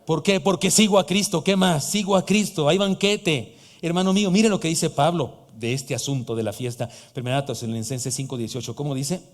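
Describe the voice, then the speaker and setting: Mexican pastor, 50s, somewhat high voice, preaching with jokes, long church reverb. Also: male voice, brisk. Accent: Mexican Spanish. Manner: emphatic preacher, joking asides to the congregation. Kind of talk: sermon. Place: church hall.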